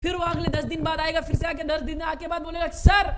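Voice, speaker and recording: A man's voice: very high-pitched, monotone, quick pace, heavy background noise. A man teaching an accounts lecture live, joking with his viewers and repeating words for effect. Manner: playful, jokey, acts out little scenes.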